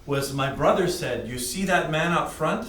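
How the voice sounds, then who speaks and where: Slow-talking Western Canadian man, echoey room. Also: fairly high pitch, lively intonation, a bit bright. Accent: Western Canadian English. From British Columbia, Canada. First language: English. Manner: pauses between short, plain phrases. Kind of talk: personal testimony told in short phrases for translation. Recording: distant mic in echoey room, faint noise.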